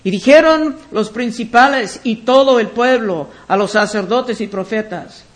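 A man preaching a verse-by-verse Bible teaching sermon, reading scripture aloud and then explaining it deliberately. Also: extremely high pitch.

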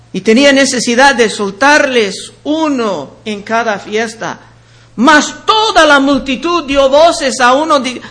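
Very high-voiced, slow preaching man. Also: a bit bright. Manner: earnest, addresses listeners as brothers and sisters; reads scripture verses aloud with their references. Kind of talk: sermon.

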